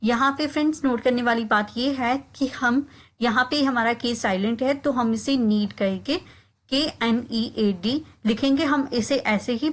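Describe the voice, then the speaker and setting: A woman teaching kitchen vocabulary in a lesson, calling her viewers friends and repeating each example phrase slowly. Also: a little high, low-quality recording. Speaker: language teacher.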